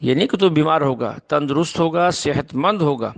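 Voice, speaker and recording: A man teaching a Quran translation lesson, reciting each phrase slowly, then explaining its meaning in plain speech. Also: fairly high pitch, expressive, creaky. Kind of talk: word-by-word scripture translation lesson.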